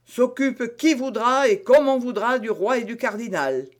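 Vain loud-ish musketeer dude, guy reading him, lectures his friend, slow and emphatic. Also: extremely high pitch. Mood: lecturing. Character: blustering, proud young male musketeer, vain and moralizing. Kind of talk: audiobook character reading.

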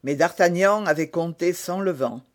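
A man reading a classic novel as an audiobook narrator, in a measured, expressive storytelling manner. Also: a little high.

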